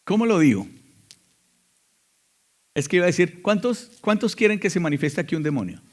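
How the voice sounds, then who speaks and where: Emphatic male pastor, slightly high voice. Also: big pitch swings, a little fast. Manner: emphatic preaching with sudden loud and quiet passages. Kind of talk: sermon.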